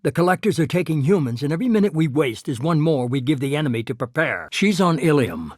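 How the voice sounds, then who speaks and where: A husky middle-aged man who leads a shadowy organization in a sci-fi video game. He speaks with cool, measured authority at a medium pitch, persuasive and calculating. The sound is dry, with no room around it. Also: no room sound. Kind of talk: cinematic video game dialogue.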